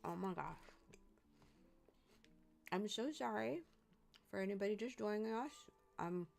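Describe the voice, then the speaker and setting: A woman's voice: medium pitch, expressive, unhurried, creaky, a little mellow, faint music behind. A woman hosting a casual craft livestream, chatty and playful, sometimes talking while she eats. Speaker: livestream host. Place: home craft desk.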